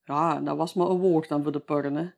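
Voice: medium pitch, fairly even intonation, fast talker, gravelly, darkish tone. Brief: Flemish-accented local storyteller, folksy oral telling, conversational tags at the end of lines. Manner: chatty, tags sentences with "hè".

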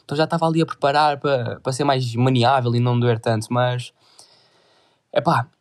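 A man's voice: mid-range voice, fairly even intonation, fairly quick. A teenage boy with a European Portuguese accent telling a crude, rambling story in casual slang full of swearing. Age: teens.

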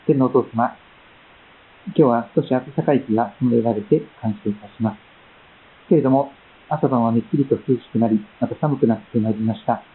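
A man from Japan gives a sermon as pastor, in a measured, gentle voice that pauses often and fills gaps with soft fillers. His pitch sits at a middling level for a man. The sound is narrow and tinny, like a phone line. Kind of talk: sermon with Bible reading and prayer.

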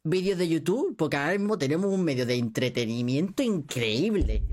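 A man's voice: a little high, expressive, brisk, a little mellow. A man hosting a podcast in casual chat, laughing often and saying "tío" a lot. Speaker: podcast host.

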